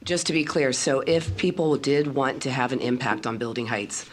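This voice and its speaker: A man's voice: mid-range voice, normal speed, very noisy. A male council member with a sick voice, carefully asking clarifying questions at a meeting. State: sick, hoarse voice.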